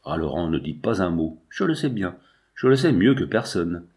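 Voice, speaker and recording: A man's voice: sits low, big pitch swings, normal speed, a little mellow, pitched below the performer's own voice. A man reading the lines of an earnest fifteen-year-old girl who pleads and argues in grief, in a storybook reading. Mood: pleading.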